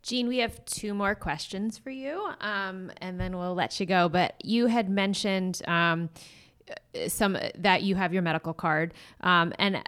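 Smooth-voiced woman host, halting questions. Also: medium pitch, a bit bright. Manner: halting, with many fillers. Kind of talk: interview questions.

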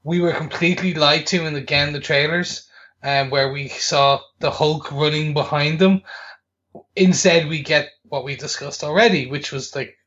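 A man's voice: on the high side, fairly even intonation, moderate pace, a bit bright, highs cut off. A man co-hosting a podcast, reviewing a film in casual chat with frequent hesitations and restarts. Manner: hesitant, lots of ums and restarts. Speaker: podcast co-host.

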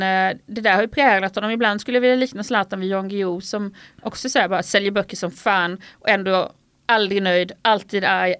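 A middle-aged woman guest speaks bluntly and with energy, with a gravelly edge to her voice. She is a sports journalist telling stories from her work. Her recording is close and dry. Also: mid-range voice, no room sound. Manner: forthright and animated, tells anecdotes. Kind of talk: interview conversation.

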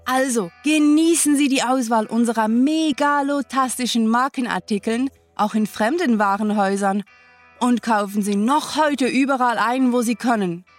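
Bubbly woman in a mock shopping-channel pitch. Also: normal speed, faint music behind. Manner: bubbly, exaggerated salesy hype. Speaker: podcast host.

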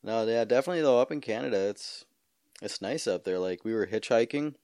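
A young man chatting casually as a podcast host, laid-back and quick to laugh while rambling through stories. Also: mid-range voice, expressive, a little mellow, no echo, studio quality. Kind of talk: casual chat.

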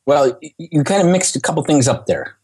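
A man's voice: on the high side, big pitch swings, a little fast, a little mellow, breathy edge. A man talking as a podcast guest, telling stories in an informal, digressive, conversational way. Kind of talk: casual conversational storytelling.

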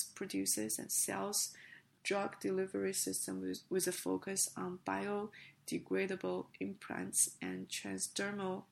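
A woman hosting a business news podcast, reading a script haltingly in a rough, gravelly, hoarse voice. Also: medium pitch. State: hoarse with a sick, coughing voice.

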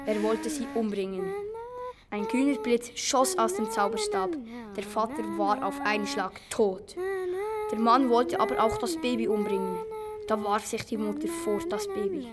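A woman's voice: on the high side, sing-song, normal speed, over a noisy crowd. A woman reading out credits and narration in a plain read-aloud manner. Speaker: announcer and narrator. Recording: very hissy, clicky amateur recording.

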